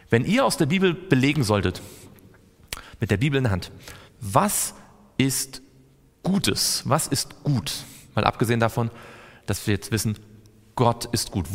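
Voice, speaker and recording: Lively man teaching Bible study. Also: medium pitch. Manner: quizzes listeners, repeats words for emphasis. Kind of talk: interactive Bible study talk. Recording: long hall reverb.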